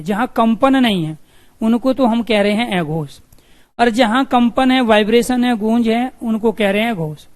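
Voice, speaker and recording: A man teaching Hindi grammar to exam students, repeating the letter sounds and often checking with "clear?". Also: high-pitched. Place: room with two windows and an open door.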